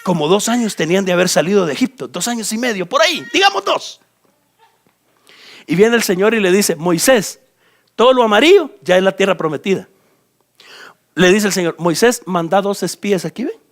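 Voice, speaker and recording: Here a Guatemalan man with a high-pitched voice and a slightly fast delivery acts as pastor, preaching a sermon. With lively energy he speaks directly to his listeners and points at a map, his Guatemalan Spanish accent clear throughout.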